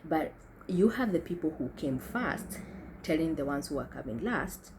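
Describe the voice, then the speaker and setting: In a reflective talk to camera, a young woman from Kenya recounts her experiences with a deep voice, lively intonation and moderate pace, often stopping to rephrase. The background is noisy.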